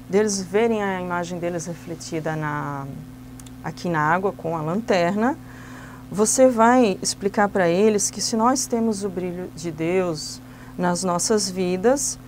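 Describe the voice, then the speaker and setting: A woman's voice: medium pitch, darkish tone, slight background noise. A woman explaining church classroom activities for children step by step, in a patient, instructive way. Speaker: Sunday school teacher trainer.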